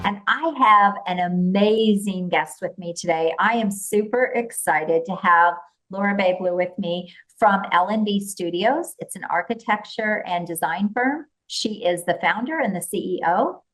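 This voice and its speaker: A woman's voice: medium pitch, a little slow, hardly any pauses, faint music behind, low-quality recording. Enthusiastic woman podcast host. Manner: enthusiastic, warm affirmations. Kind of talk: casual interview.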